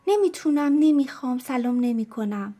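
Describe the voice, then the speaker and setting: A woman voicing a stubborn little girl in a storybook, who chants her loud, defiant refusals. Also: medium pitch, fairly even intonation, slightly rough, faint music behind, close to an everyday voice.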